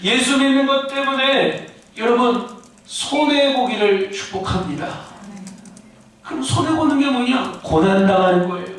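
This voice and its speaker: A male pastor preaching a sermon. He asks the congregation questions, answers them himself, and tells a story that swings between loud and hushed. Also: very high-pitched, normal speed. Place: church sanctuary. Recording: echoey hall, distant mic, loud noise.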